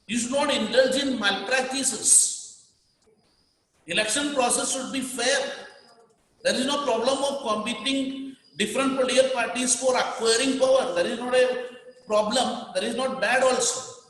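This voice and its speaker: A man's voice: very high voice, fairly bright tone. A man teaching a class, repeating key words and telling students what to underline. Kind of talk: classroom lecture. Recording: echoey room with long reverb.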